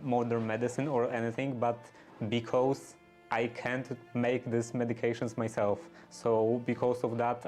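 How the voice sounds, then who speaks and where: A man chatting casually and unscripted, halting and often searching for his words. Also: medium pitch, darkish tone. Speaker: streamer doing workshop restoration.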